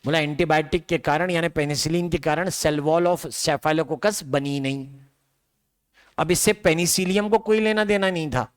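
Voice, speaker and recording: A man with a slightly high voice teaches biology to a large classroom, speaking. He lectures in a loose, talky way and keeps checking in with his students through rhetorical questions. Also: a little slow, clean tone.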